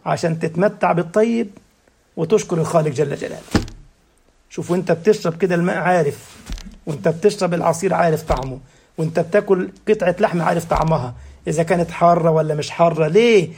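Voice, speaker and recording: A man's voice: high voice, vocal fry, darkish tone. A man with an Egyptian accent giving a sermon, who keeps asking the congregation rhetorical questions and answering them himself. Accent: Egyptian Arabic. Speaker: preacher.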